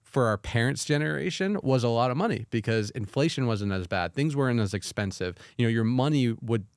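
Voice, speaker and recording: In a Las Vegas podcast studio, a male host with a medium-pitched voice talks a little fast in a casual interview chat. He is relaxed and conversational, asking long, rambling questions. The studio-quality recording has no room sound.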